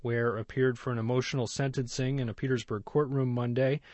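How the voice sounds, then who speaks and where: A male news reporter reading a scripted story in an even, measured way. His voice is mid-pitched, and the recording is dry and close, with no room sound. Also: no echo.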